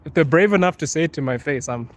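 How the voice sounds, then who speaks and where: A young Zimbabwean man livestreams on a wet street at night, holding his phone as he walks. His voice is a little high, with lively intonation and a quick pace. Laid-back and playful, he reads comments, chats casually, laughs a lot, and teases his viewers.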